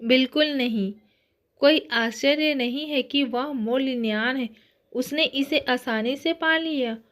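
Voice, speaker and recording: Young heroine, ex-kickboxing champion, tearful, woman reading, plaintive, slow, high-ish. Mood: brisk. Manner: soft, plaintive, sniffling.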